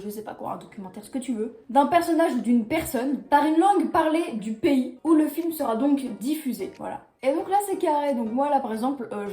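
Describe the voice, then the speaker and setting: A woman's voice: high-pitched, mellow. A woman vlogger explaining in a casual, jokey and self-mocking way, with many fillers. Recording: echoey room.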